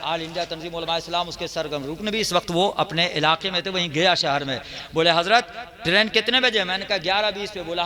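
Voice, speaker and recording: A man preaching at a religious gathering, switching between loud, drawn-out chanted verses and conversational storytelling. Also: a little high. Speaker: Islamic preacher. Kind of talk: sermon with storytelling.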